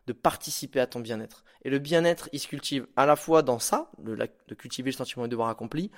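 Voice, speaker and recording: A man hosting a podcast, giving casual motivational advice in an informal, animated way, with slang and the odd swear word. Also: mid-range voice, fast talker. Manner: acts out stories with sound effects. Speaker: podcast host.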